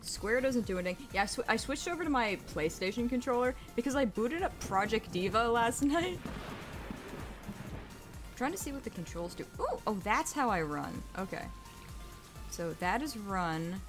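A chatty woman narrates her gameplay in a bouncy voice that leaps up and down in pitch. She laughs easily and jokes at her own expense. Game music plays clearly behind her. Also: lively intonation, moderate pace. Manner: chatty, giggly, self-mocking asides. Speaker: streamer. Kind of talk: casual gameplay commentary. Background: game soundtrack music.

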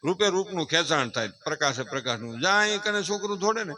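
A man's voice: a little high, lively intonation, quick pace, bright, forceful tone. A middle-aged man giving a folksy moral talk to an audience, playfully acting out family voices and rising into emphatic declamation. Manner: playful, acts out voices of mothers and family members. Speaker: folk speaker addressing an audience.

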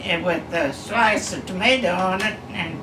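With a voice on the low side, a woman in her nineties slowly reminisces about family from an armchair in her living room, pausing often and saying uh a lot. The far-off camera picks up an echoey room and a background hum.

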